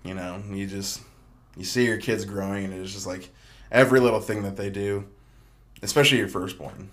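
A man's voice: fairly low pitch, steady tone, normal speed, fairly bright tone. A young man hosting his own podcast, talking casually in a rambling, chatty way full of fillers and restarts. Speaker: podcast host. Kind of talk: casual solo podcast monologue.

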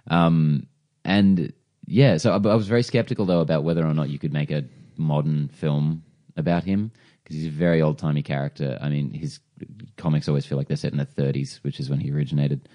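A man's voice: rumbling low, fairly even intonation, brisk, few pauses, warm tone. A man co-hosting a casual movie podcast, talking eagerly about comic films, laughing often and swearing freely. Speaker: podcast co-host. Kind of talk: casual chat.

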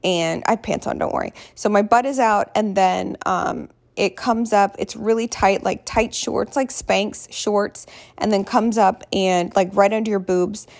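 A woman with a hoarse voice telling a personal story casually, in a candid, rambling, self-deprecating way. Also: medium pitch, darkish tone. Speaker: vlogger.

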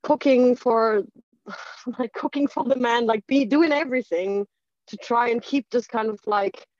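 Her voice is on the high side with a darkish tone, recorded with no echo in a dull, lo-fi, dry clip. The woman, from Germany, candidly shares her life story in halting speech packed with "like" and restarts.

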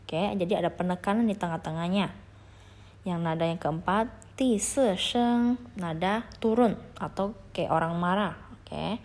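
A young adult woman with a somewhat low voice teaches a beginner language lesson at a moderate pace. She patiently leads listeners through repetition drills and asks them to follow along.

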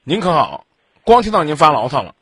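A man's voice: a little high, big pitch swings, a little fast, fairly bright tone, breathy edge, dry recording, clean studio sound. A man with a Beijing accent hosting a relationship advice call-in, bluntly scolding with rhetorical questions. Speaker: advice show host.

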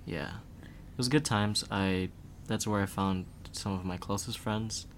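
A young man chatting casually as a podcast guest, talking in a relaxed, rambling way with lots of filler words. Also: lowish voice, a little slow, a little hiss or hum. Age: young adult.

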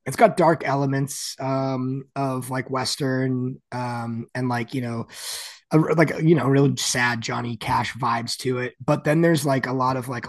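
A guest musician chats casually in an interview, his deep, gravelly, raspy voice rambling along with plenty of "like" and "you know." The recording is close and dry, with no sense of the room.

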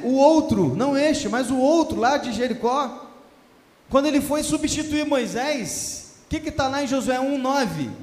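A man's voice: high voice, a little mellow, reverberant, big-room sound. A man preaching a sermon as pastor, calling out for responses and stretching words for emphasis.

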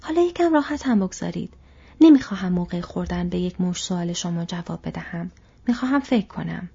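A woman doing Frodo, a soft burdened hobbit. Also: mid-range voice, creaky, breathy edge. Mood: troubled. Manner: soft, troubled. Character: young male hobbit, thoughtful and burdened. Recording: dull lo-fi recording.

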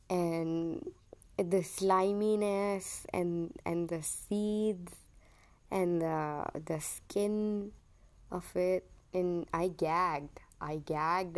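Her voice is on the low side with a darkish tone. A young woman from India, she hosts her own podcast in an Indian English accent that veers toward American, talking through a personal monologue hesitantly, with many ums and self-corrections.

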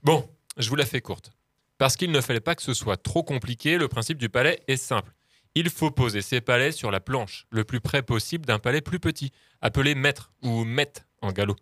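A man's voice: medium pitch, moderate pace, a bit bright, dry recording. Dry ironic man narrating. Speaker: co-host narrator. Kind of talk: scripted comic narration.

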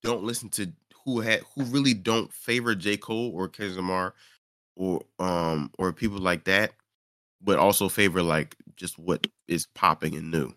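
A man's voice: deep voice, fairly even intonation, moderate pace, a bit bright, dry recording, clean studio sound. A tired young man hosting a casual podcast chat, rambling and correcting himself as he goes. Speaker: podcast host.

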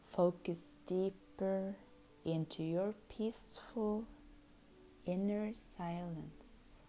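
The voice belongs to a woman conducting hypnosis: a low, mellow, gentle tone held steady, drawled very slowly, with frequent drops into a breathy whisper that keep it soothing.

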